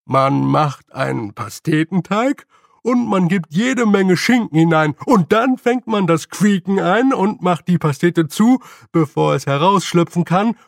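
A man putting on a pack of rowdy tiny fairy men, pitched high and shouting. They bicker and brag in a storybook reading. The sound is dry and close, with a gravelly edge. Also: no echo. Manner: loud, squabbling.

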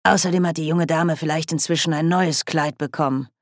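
A woman's voice: deep voice, steady tone, fairly quick, dry recording, studio quality. A woman doing a grumbling stern old witch. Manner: curt, grumbling. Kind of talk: audiobook character voice.

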